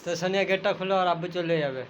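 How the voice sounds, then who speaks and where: A young father coaxing and pleading with his small daughter in a gentle sing-song way. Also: high-pitched, rapid-fire, slight background noise, low-quality recording. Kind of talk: coaxing talk to a small child.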